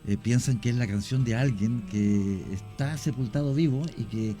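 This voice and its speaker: On the radio, a Chilean-accented man appears as a guest storyteller on cemetery history, telling long stories about cemeteries and hesitating often. His voice is medium-pitched and mellow at a moderate pace. The conversation takes place in a radio studio with soft background music.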